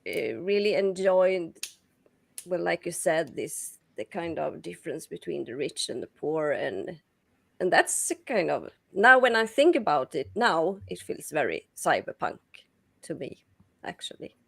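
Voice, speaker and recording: A woman's voice: lowish voice, big pitch swings, unhurried, creaky, husky. A woman in a casual book club chat, hesitant and laughing, often trailing off.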